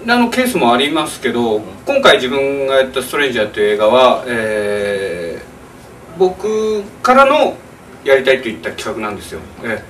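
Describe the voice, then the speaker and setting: A man in his forties, an animation director, answering interview questions thoughtfully with many pauses and fillers in a small press room. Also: medium pitch, big pitch swings, a bit bright. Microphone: camera across the room. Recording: distant camera mic, faint noise.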